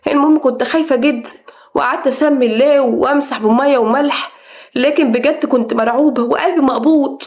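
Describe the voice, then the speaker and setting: Middle-aged Egyptian woman, first-person storyteller: high, rapid, earnest. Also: darkish tone. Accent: Egyptian Arabic.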